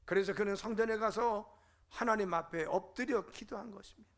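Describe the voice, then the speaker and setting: A man's voice: high-pitched, fairly quick, fairly bright tone. A middle-aged male pastor preaching a fervent sermon in a church, asking rhetorical questions and answering them. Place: church sanctuary.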